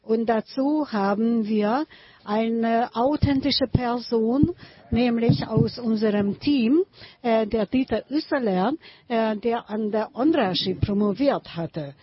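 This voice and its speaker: A woman's voice: a little high, takes it slowly, husky, lo-fi sound. A woman moderating a radio interview, speaking hesitantly with many filler sounds. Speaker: radio host.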